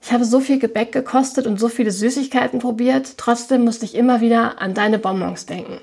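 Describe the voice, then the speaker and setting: A woman's voice: a little high, fairly even intonation, brisk, vocal fry, a little mellow, slightly rough. A woman voicing a charming young male confectioner who teases and boasts lightly.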